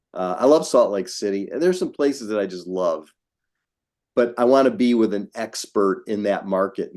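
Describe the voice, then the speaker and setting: Deep-voiced older man, frank and emphatic. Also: a little mellow. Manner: frank, emphatic, with self-mocking asides. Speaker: guest. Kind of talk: casual interview.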